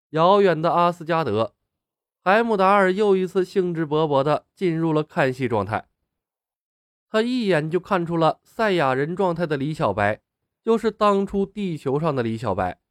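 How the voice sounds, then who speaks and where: Male audiobook narrator, high and animated, dry close mic, faint music under. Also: no room sound. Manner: expressive storytelling.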